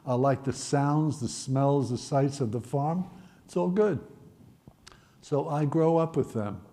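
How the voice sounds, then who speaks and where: A man in his eighties from the Netherlands, telling his life story in a wry, gently humorous way. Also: mid-range voice, takes it slowly. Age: 80s. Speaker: Holocaust survivor speaker. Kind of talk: personal storytelling talk.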